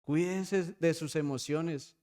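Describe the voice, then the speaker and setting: A man preaching a sermon in church, often asking his congregation for a quick "yes?" and calling them brothers. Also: a little high, steady tone, darkish tone. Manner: preaching with frequent rhetorical "¿sí?" checks. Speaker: pastor.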